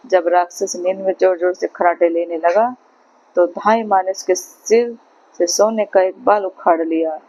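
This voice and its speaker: A woman reading a folk tale aloud as a storyteller, in a steady, plain way, on a slightly muffled recording. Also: on the low side, measured pace.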